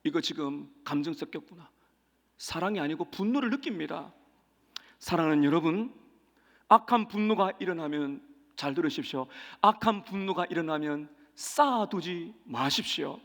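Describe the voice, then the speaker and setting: High-voiced man preaching in a reverberant hall. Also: expressive, moderate pace. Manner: emphatic preaching that swells to loud peaks; leads the congregation in repeating verses. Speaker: pastor. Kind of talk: sermon. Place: church sanctuary.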